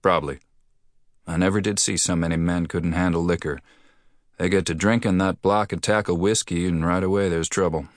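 Brief: a laid-back young Western marshal, as a male reader puts him on, drawling and deep. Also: fairly even intonation, fairly quick, no echo, studio quality, close to an everyday voice. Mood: easygoing. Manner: drawling, easygoing. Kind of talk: audiobook character voice.

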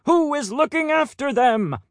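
A man's voice: very high-pitched, expressive, measured pace, dry recording, studio quality, voice pushed up. Hampstead, a man doing a stern head peacock. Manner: clipped, insistent, lecturing. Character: stern head peacock, fussy, strict and rule-bound.

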